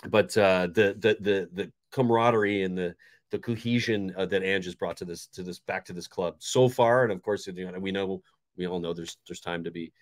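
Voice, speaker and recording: A fan channel host in his forties sits in a bright bedroom giving an easygoing, excited post-match chat that keeps restarting. His voice sits low, a little fast, with fairly even intonation, captured dry in clean studio-like sound.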